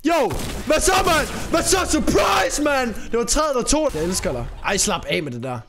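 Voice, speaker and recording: High-voiced, excitable young male streamer. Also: crowd noise. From Denmark. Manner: excitable, yelps and shouts at the game. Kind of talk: live gaming commentary. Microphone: talking very close to the microphone.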